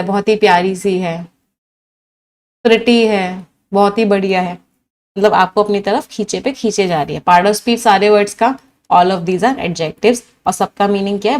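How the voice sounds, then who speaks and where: A woman teaches English vocabulary in a live online class, switching between Hindi and English. She rattles off synonyms in long chains and keeps asking her students to answer. She has a mid-pitched voice. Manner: lively teacher who lists many synonyms and quizzes her students.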